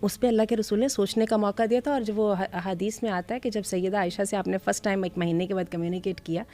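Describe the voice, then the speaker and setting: A woman in a panel discussion giving measured advice and quoting scripture. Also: medium pitch, fairly even intonation, dark tone, faint music behind. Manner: measured, quotes scripture while advising. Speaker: panel guest.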